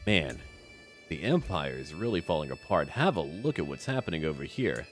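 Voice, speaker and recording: A gaming video creator does a casual let's play of a strategy game, musing to himself and tossing short remarks at the characters. His voice rumbles low and is very animated at a normal speed, with soft music in the background.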